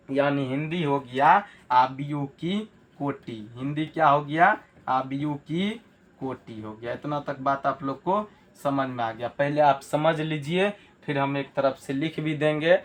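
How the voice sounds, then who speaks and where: A man teaching a math lesson, repeating key terms and asking rhetorical check questions. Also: fairly high pitch. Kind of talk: classroom lesson.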